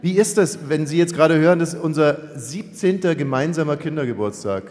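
Man in his fifties, podcast co-host, teasing banter, slightly high voice, long hall echo. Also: brisk, darkish tone. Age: 50s. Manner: joking, teasing, mimics voices for laughs.

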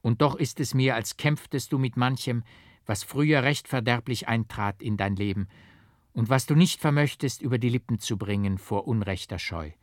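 A man's voice: medium pitch, normal speed, dry recording, clean studio sound, natural voice. A man voicing a pious, anxious young woman who pleads with her beloved in a storybook reading. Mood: pleading.

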